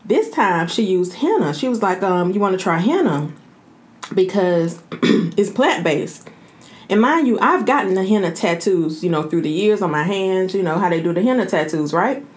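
An American woman in her thirties chatting casually as a mukbang host, talking while eating and pausing to chew. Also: mid-range voice, lively intonation. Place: indoor room.

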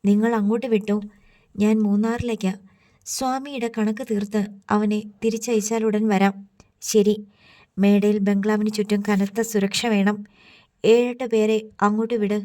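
Mellow-voiced woman reading a novel aloud. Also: mid-range voice, flat delivery, normal speed. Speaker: audiobook narrator. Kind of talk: scripted novel narration.

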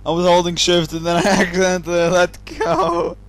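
A man chatting during a game with friends, excitable and prone to squealing outbursts. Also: sits high, moderate pace, crowd noise. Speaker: game player. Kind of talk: casual gaming chat. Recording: noisy voice chat capture.

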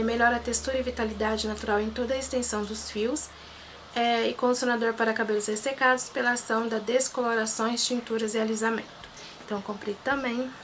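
A young Brazilian woman with a Brazilian Portuguese accent, chatting casually about her pharmacy haul and reading product labels aloud, in a small room on a camera mic. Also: a little high. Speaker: beauty vlogger. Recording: background music throughout.

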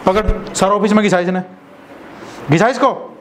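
A man's voice: high-pitched, measured pace, a crowd in the background. A man playing an angry boss in a staged office prank, scolding and threatening in a bossy way.

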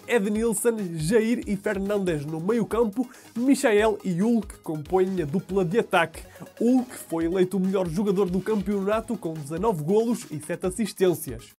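A man with a European Portuguese accent, presenting football news in a steady scripted read. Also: high-pitched, husky, faint music behind. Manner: steady, measured read of sports headlines.

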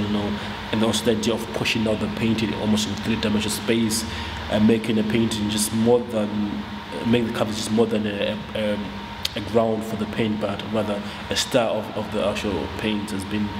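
A young man from Zimbabwe talks about his own paintings in a halting, flat voice, pausing and restarting often. He sounds far from the microphone in a large gallery with a long, roomy echo. Music plays faintly underneath. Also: on the low side, very noisy. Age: 20s. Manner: hesitant, with many fillers and restarts. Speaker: artist. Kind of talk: casual talk about his artwork.

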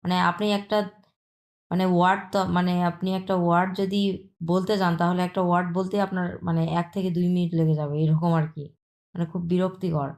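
A woman with a Bangladeshi accent teaching a language lesson, patiently repeating points and drawing out example sounds slowly. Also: fairly low pitch, level tone, darkish tone. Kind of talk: explanatory lesson.

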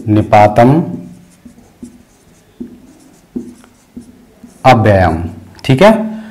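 A man's voice: fairly high pitch, rough recording. Patient man explaining grammar rules. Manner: patient, breaks terms into parts, many fillers and "thik hai"; chants sutras slowly and softly. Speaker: Sanskrit grammar teacher. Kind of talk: explanatory lesson.

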